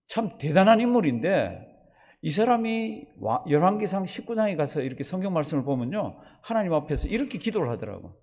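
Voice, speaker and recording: A man's voice: high voice, husky. A male pastor preaching a sermon at a church service, asking the congregation questions and acting out voices. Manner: animated, asks the congregation questions and acts out voices.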